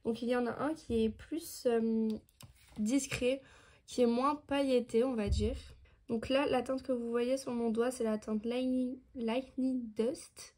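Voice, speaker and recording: A woman's voice: a little high, steady tone, unhurried, darkish tone. A nineteen-year-old woman chatting through a beauty haul video, explaining each product with lots of fillers. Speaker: beauty vlogger.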